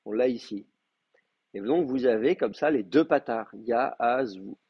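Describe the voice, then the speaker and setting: A man teaching in a classroom, walking students through grammar in a hesitant, thinking-aloud way. His voice is husky at a middling pitch. The recording is dull and dry, with little room sound. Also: moderate pace, no room sound. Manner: hesitant, many fillers and restarts while explaining. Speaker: Hebrew teacher. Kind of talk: classroom lecture.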